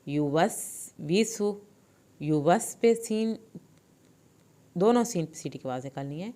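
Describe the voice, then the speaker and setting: A woman's voice: lowish voice, expressive, mellow. A woman teaching Quranic recitation with tajweed, explaining the pronunciation of each word patiently and step by step. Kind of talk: Quran recitation lesson with slow drawn-out recitation.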